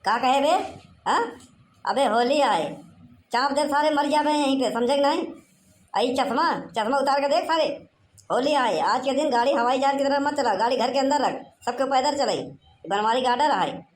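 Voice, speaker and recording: A woman's voice: high voice, moderate pace, echoey room, lightly acted. A woman voicing a drunk, boastful male local goon in a cartoon, with an Awadhi accent and a slurred, rambling, bossy way of talking. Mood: drunken bluster. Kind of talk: cartoon voice acting.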